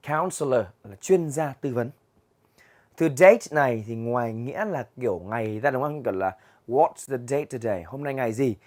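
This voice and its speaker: A young man with a Vietnamese accent teaching English vocabulary, patiently explaining words and reading them aloud slowly in a classroom. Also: medium pitch. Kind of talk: vocabulary lesson for students. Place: classroom with a chalkboard.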